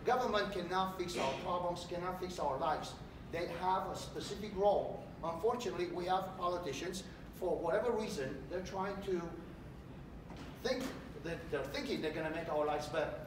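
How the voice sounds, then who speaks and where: A middle-aged man from Romania, a political candidate giving an animated campaign speech in a large hotel meeting room. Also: high voice, normal speed. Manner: animated, gesturing while speaking. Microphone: far camera. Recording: echoey room, distant mic, background noise.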